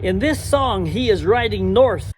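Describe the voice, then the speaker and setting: A man with a notably high-pitched speaking voice acts as presenter. He introduces songs in a halting way, stopping often to hesitate between phrases. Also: expressive, over music. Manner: halting, with frequent long hesitations and "uh".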